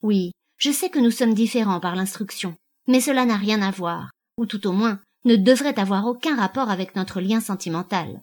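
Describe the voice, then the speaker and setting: A woman's voice: mid-range voice, moderate pace, hardly any pauses, a little mellow. Woman narrating a first-person novel. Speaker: audiobook narrator.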